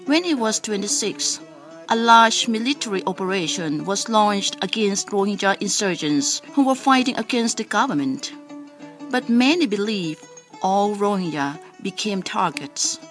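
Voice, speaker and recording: A woman radio reporter narrating a scripted news report in a calm, even way. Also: mid-range voice, measured pace, faint music behind.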